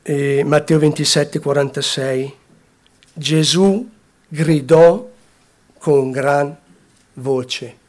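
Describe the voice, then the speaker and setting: A man preaching a sermon, slowly and deliberately, repeating phrases and swinging between hushed and raised delivery. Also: on the high side, fairly even intonation.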